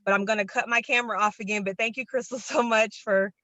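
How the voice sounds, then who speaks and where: A woman's voice: fairly high pitch, steady tone, fast, pushed and bright, poor audio. A young woman, out of breath, sharing a long-winded, earnest and enthusiastic testimonial on a video call. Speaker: program participant.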